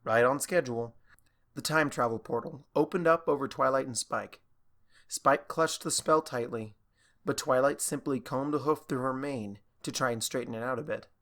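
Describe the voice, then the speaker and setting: A man narrating a fan fiction audiobook in a steady, even storytelling manner. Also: medium pitch, moderate pace.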